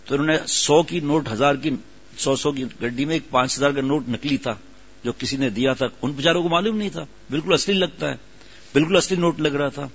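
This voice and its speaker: A man's voice: fairly high pitch, breathy edge. A man preaching a sermon, telling a story and then urging his listeners on with growing emphasis. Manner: storytelling, rising to emphatic exhortation. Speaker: religious preacher. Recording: dull lo-fi sound.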